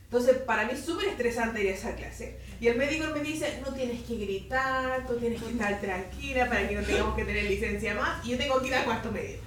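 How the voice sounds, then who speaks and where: A Chilean woman teaching at a Bible institute, sharing a personal testimony in an informal, animated storytelling manner and acting out dialogue. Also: fairly high pitch, brisk, few pauses. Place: classroom. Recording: distant mic in an echoey room, faint hiss.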